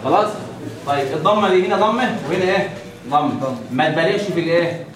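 A man's voice: a little high, expressive, a crowd in the background. Egyptian man teaching recitation in an echoey room. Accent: Egyptian Arabic. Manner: quizzes the class with repeated questions and drawn-out recited examples. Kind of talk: classroom tajweed lesson. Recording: echoey room, mic at a distance, faint background hiss.

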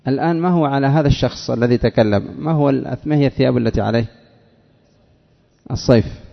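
A man's voice: medium pitch, fast, creaky. A man teaching Arabic grammar to a class, repeating examples and quizzing students by name. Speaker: sheikh teaching Arabic morphology. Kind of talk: classroom lesson with questions to students. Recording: dull lo-fi recording in a reverberant hall.

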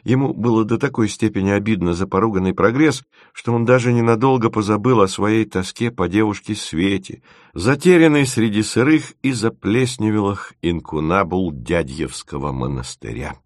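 A man narrates a story in a steady, wry reading. His voice sits fairly low, and the recording is close and dry, with no room sound. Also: normal speed, no echo. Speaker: audiobook narrator. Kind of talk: scripted narration.

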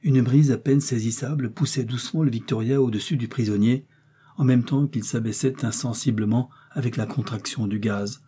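A man narrating a classic adventure novel in a measured, dramatic storytelling voice. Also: medium pitch, fairly even intonation, dark tone, slightly rough. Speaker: audiobook narrator. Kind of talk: scripted narration.

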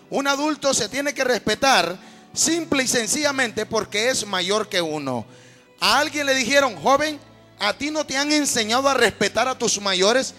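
High-voiced preacher. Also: male voice, pushed and bright. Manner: emphatic, addresses the congregation constantly. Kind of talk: sermon. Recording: reverberant hall with music underneath.

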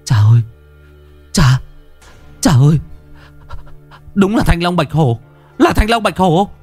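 A man voicing an alarmed grown son who cries out in a high, frantic voice, in a storybook reading. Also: sing-song, moderate pace, soft background music, lightly acted.

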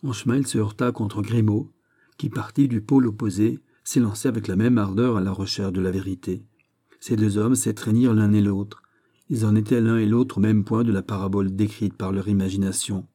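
Brief: male audiobook narrator, low, very dark and husky, measured reading. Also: steady tone. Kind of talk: scripted narration of a classic novel.

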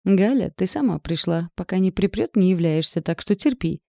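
A brash young masseuse friend, voiced by a woman reader in an audiobook, teasing and bossing her friend about. Her tone is dark and mellow, set in a dry, close space. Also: lowish voice, lively intonation, moderate pace, vocal fry, no echo. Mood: bossy. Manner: bossy, teasing, blunt.

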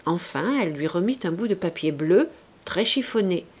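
A woman reads a classic novel aloud in measured, expressive audiobook narration. Her pitch sits mid-range but rises and falls in lively curves. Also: breathy edge. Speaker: audiobook reader.

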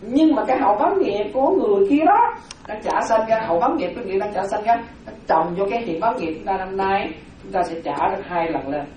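A woman's voice: medium pitch, quick pace, warm tone. A woman delivers a Buddhist Dharma talk, circling back over her points and asking rhetorical questions. Her voice comes from well away from the microphone in a strongly echoing room, with a faint hiss underneath. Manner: repetitive, explanatory, rhetorical questions. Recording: very echoey hall from far off.

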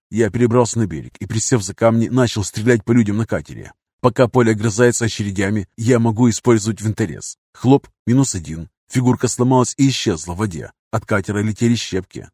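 A man's voice: lowish voice, a little mellow, husky, no echo, clean studio sound. A man reading a first-person action audiobook in a tense, punchy way, throwing force into the dialogue. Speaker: audiobook narrator.

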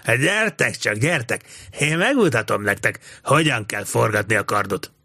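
A man's voice: medium pitch, expressive, bright, forceful tone, dry recording. A man voicing a drunk, raging old male soldier who bellows taunts. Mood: drunken bellowing.

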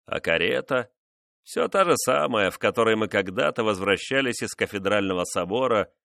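A man voicing a cruel, vengeful nobleman who mocks his wife in a slow, menacing way. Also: lowish voice, creaky, a bit bright, no room sound, clean studio sound. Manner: mocking, menacing, measured.

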